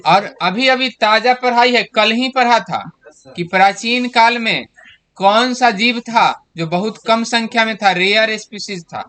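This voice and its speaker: Bright high-voiced teacher in his thirties. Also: unhurried. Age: 30s. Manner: explains step by step, quizzing students with questions. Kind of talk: classroom lesson on exam answers.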